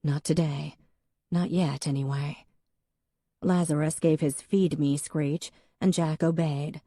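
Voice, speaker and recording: A woman reads an audiobook in a low, mellow voice. Her delivery is even and measured, close to the mic in a dry, dead room. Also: dry recording. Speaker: audiobook narrator. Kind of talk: scripted narration.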